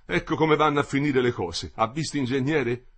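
A man's voice: medium pitch, moderate pace, fairly bright tone, pitched above the performer's own voice, close to an everyday voice. A man reading aloud and voicing a wounded German laborer who stammers that he is fine. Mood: shaken, defiant. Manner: insists he feels no pain, stammers.

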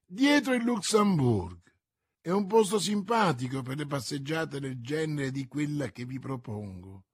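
A man reading aloud and voicing a bold, eager young Gascon guardsman, with a husky voice. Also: on the high side, expressive, measured pace, no echo, clean studio sound.

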